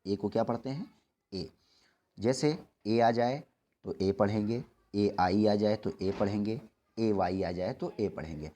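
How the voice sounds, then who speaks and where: Patient male English teacher, low-pitched. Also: dark tone. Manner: slows right down to spell out examples; corrects his own slips as he goes. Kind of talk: Hindi-language English lesson.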